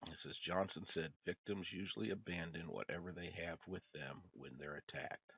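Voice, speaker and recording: Very deep, gravelly grandpa voice. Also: male voice, fairly even intonation, normal speed, fairly bright tone, no room sound, low-quality recording. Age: older. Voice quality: gravelly, husky. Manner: grandpa voice, rambling and folksy. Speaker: vlogger reading news headlines. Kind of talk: casual reading and commentary.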